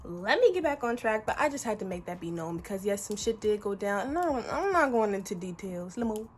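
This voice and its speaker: A woman of about twenty telling a story to camera in a casual, animated, chatty way, full of fillers and swearing. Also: medium pitch, fairly quick, slight background noise. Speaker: vlogger.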